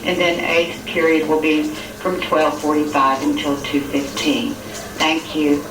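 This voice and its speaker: Even-toned school announcer over the intercom, echoey and distant, room noise behind. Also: medium pitch, measured pace. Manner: even, businesslike reading of a schedule. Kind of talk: public announcement. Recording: echoey intercom heard from far off, noisy.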